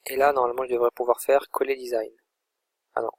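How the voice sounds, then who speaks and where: Casual, husky-voiced man walking through software. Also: mid-range voice, flat delivery, fast talker. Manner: informal, thinks aloud while clicking. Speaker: online course instructor. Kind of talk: screen-recorded software tutorial.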